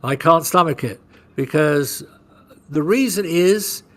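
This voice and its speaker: A man's voice: fairly high pitch, slow. A man hosting a trading podcast, explaining chart moves in casual chat and checking in often with "right?". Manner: walks through chart moves conversationally, with frequent "right?" checks; animated storyteller who acts out market scenarios.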